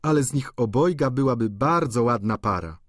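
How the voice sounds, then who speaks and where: Audiobook figure: shrill, gossipy older landlady, voiced by a man, high and exclaiming. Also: animated, normal speed, no room sound, studio quality, close to an everyday voice. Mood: gushing.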